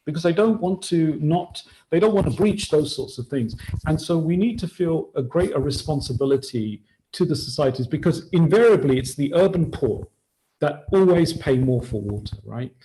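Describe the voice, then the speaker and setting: A man's voice: on the high side, lively intonation, normal speed, mellow, poor audio. A man from Sri Lanka speaking as a panelist in a discussion, often restarting phrases and tagging his points with questions. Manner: frequent tag questions and restarts.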